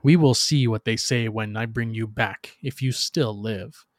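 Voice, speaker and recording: A man's voice: lowish voice, a little slow, no echo, studio quality. Solemn, theatrical man as a bitter warrior. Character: bitter, bloodthirsty alien warrior recounting his past. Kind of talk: dramatic scripted narration in character.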